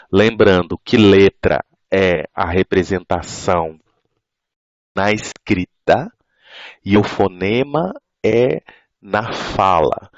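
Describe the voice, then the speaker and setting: A man with a Brazilian accent and a very low voice explains grammar in an online lecture, checking in with his listeners often. The sound is dry and close, with dull, lo-fi web conference audio. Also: no echo. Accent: Brazilian Portuguese. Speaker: university lecturer. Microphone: web conference mic.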